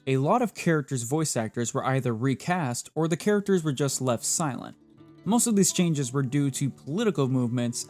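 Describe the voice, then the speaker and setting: Over background music, a man with a medium-pitched, slightly mellow voice narrates a scripted trivia countdown. His presenter style is playful and jokey, with wry asides dropped between the facts.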